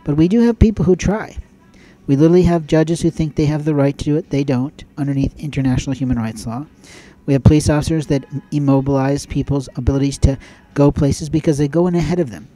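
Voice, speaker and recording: A man's voice: fairly high pitch, fast, warm tone, poor audio. A man hosting his own audio show, giving an emphatic, preachy monologue with lots of repeated phrases. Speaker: podcast host. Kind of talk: spoken opinion monologue.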